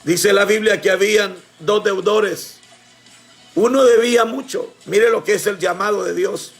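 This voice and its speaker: A man preaching a sermon with fervor, often shouting and calling on his congregation as brothers. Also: high-pitched, a little slow, creaky, faint music behind.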